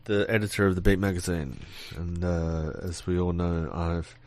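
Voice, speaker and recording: Middle-aged radio host guy, lowish voice, short prompts, easygoing studio chat. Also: fairly even intonation, moderate pace, darkish tone. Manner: brief murmured prompts, station announcements.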